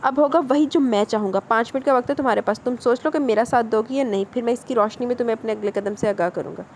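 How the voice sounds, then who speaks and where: A possessive, domineering young man in an audiobook drama, read by a woman narrator. He speaks calmly but with a threatening edge. A faint hiss sits underneath. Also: a little high, natural voice. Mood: menacing. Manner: calm, threatening.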